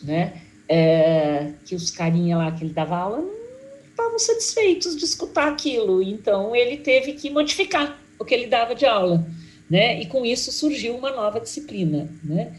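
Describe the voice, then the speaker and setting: A woman's voice: lowish voice, darkish tone, a little hiss or hum, low-quality recording. A Brazilian woman, a literature professor, talking in a chatty academic way on a video call, with many fillers and tag questions. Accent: Brazilian Portuguese. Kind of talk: conversational academic talk.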